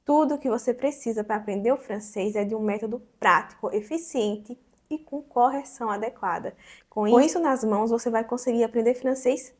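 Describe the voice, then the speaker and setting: A woman, teaching an online French pronunciation lesson and repeating words clearly for students to echo. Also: on the high side.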